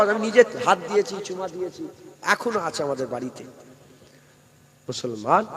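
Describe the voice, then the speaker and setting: Male preacher, high voice, big PA reverb, loud declamation dropping to hushed asides. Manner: swings from loud rising declamation to low confiding asides. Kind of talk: Islamic sermon at a night gathering.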